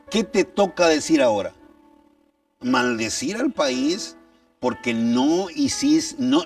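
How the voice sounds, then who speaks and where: A man's voice: a little high, vocal fry. A man preaching a sermon. He reads scripture aloud and asks emphatic rhetorical questions. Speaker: pastor. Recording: distant mic, faint background music.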